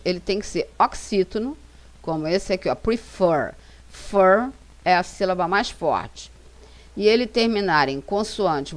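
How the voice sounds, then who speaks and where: A Brazilian woman with a Brazilian Portuguese accent, an English teacher narrating a slide lesson and reading example sentences slowly and carefully. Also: mid-range voice. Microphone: voice-over for slides.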